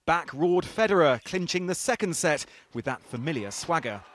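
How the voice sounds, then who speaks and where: A man's voice: fairly high pitch, expressive, normal speed, background noise. A British man narrating a scripted sports news report with a dramatic storytelling delivery.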